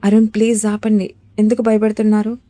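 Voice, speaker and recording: A woman's voice: medium pitch, completely flat delivery, fairly quick, mellow, no echo, lightly acted. A woman voicing a trembling, pleading young bride. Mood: frightened.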